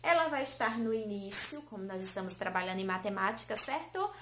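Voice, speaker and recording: A woman teacher giving a lesson to small children, in a sing-song way, stretching key words slowly and coaxing answers with questions. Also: medium pitch, expressive, a bit bright, slight background noise. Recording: roomy echo.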